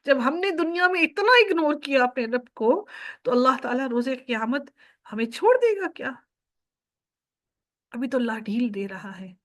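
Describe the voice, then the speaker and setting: A woman's voice: high voice, expressive, normal speed, a bit bright. A woman giving a Quran commentary lecture, earnest and pleading, full of rhetorical questions. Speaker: Quran teacher.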